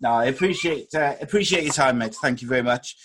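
A man's voice: medium pitch, a little fast, fairly bright tone. Joking man hosting, noisy recording. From Wales. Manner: joking, teasing, matey. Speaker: podcast host. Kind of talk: casual sports chat.

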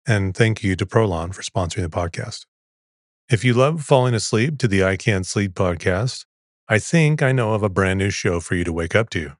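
A man reads as a sleep podcast host in a low-pitched voice. His delivery is soothing, calm and unhurried, clearly scripted. The sound is dry, with no room around it. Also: no echo.

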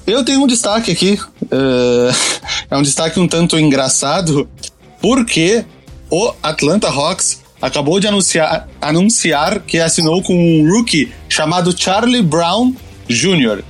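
A man's voice: on the high side, big pitch swings, measured pace, soft background music. A Brazilian man co-hosting a podcast, chatting casually and anecdotally, often doubling back on his phrases. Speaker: podcast co-host.

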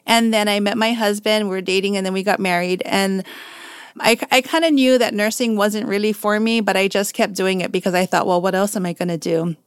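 Chatty woman in her forties, crisp dry sound. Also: medium pitch, brisk, dry recording. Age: 40s. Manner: chatty and animated, laughs often, acts out past conversations. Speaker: podcast guest, portrait photographer. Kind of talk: casual interview storytelling.

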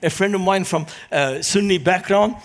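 Guest preacher, higher-pitched man, earnest with jokes. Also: moderate pace. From Lebanon. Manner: humorous, storytelling, earnest. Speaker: guest speaker. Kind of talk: church talk to a congregation.

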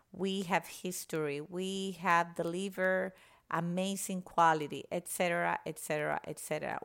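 A woman from Venezuela, speaking passionately and emphatically in a podcast monologue. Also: lowish voice. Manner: passionate, emphatic, citing statistics. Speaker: podcast guest.

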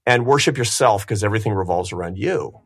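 A man in his late fifties with a fairly low voice hosts a talk podcast. He talks in a reflective, self-deprecating way and chuckles now and then. Soft music plays faintly under him. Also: expressive, fast. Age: 50s. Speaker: podcast host. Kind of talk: conversational podcast storytelling.

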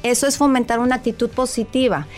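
A woman's voice: a little high, fast, darkish tone, faint music behind. A woman, a child psychologist, explaining parenting advice step by step in an interview. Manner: clear, agreeable, explains step by step.

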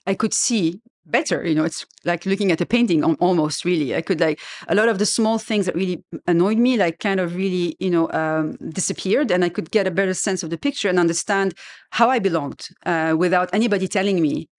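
A woman's voice: fairly low pitch, fairly quick. A middle-aged woman from Lebanon talks as an interview guest, weighing each thought. She hesitates often, fills gaps with small fillers and restarts her sentences as she reflects.

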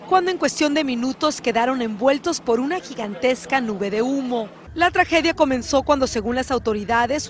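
Woman narrating a grave news report. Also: high-pitched. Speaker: news correspondent.

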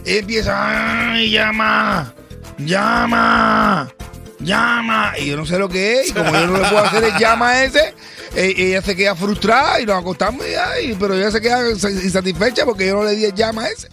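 A man telling a joke on a radio show, animated and acting out characters. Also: high-pitched, quick pace, faint music behind. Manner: animated storyteller, acts out characters. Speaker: radio co-host.

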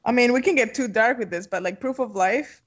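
A woman taking part in a casual podcast chat, earnest and worried, with halting restarts. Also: on the high side, dull audio.

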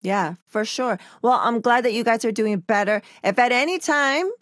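Woman host, chill and encouraging, slightly high voice, dry close mic. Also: moderate pace, no room sound. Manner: relaxed and encouraging, with short affirmations. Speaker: interviewer. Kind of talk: casual interview conversation.

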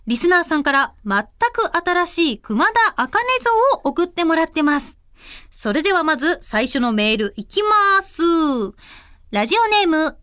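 A woman hosts a late-night radio show in a high, lively voice, chatting casually and reading listener mail. Her talk is bubbly and animated, and she is quick to laugh. She is recorded dry and close on a studio microphone. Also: no echo. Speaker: radio host and singer.

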